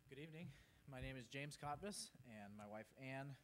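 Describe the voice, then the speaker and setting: A Peruvian-raised missionary in his thirties speaks earnestly from the pulpit of a church sanctuary, giving an informal presentation to the congregation. His mid-range voice moves at a moderate pace. A faint hum and background noise sit in the recording.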